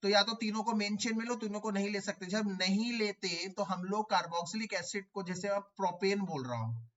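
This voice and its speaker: A man's voice: sits high, normal speed, a bit bright, lo-fi sound. A man teaching a chemistry class online, explaining step by step and repeating key terms, asking his students questions. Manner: addresses students as beta, asks them questions.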